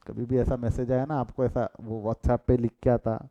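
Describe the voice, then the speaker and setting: A man's voice: mid-range voice, little pitch movement, moderate pace, mellow, dull audio. A middle-aged man with an Indian accent teaching a live online commerce class, mixing Hindi and English, quizzing his students and breaking off into chatty asides.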